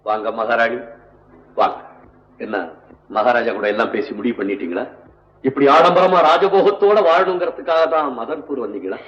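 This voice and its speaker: A man's voice: medium pitch, lively intonation, a bit bright, dull audio, natural voice. A man playing a proud, hot-tempered musician. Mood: bitter. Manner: proud, quick to anger, emphatic. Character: proud, hot-tempered male nadaswaram master. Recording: roomy old film soundtrack.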